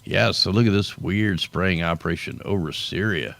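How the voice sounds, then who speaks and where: He speaks at a moderate pace in a low voice with vocal fry and a slightly bright edge. As host of a casual weather show over satellite maps, he sounds tired and hoarse, keeps things loose and chatty, and ends lines with a drawn-out "man."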